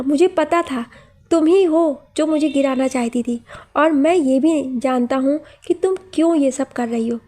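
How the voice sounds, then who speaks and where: A woman's voice: high-pitched, warm tone. A woman voicing an injured young man who complains and makes demands.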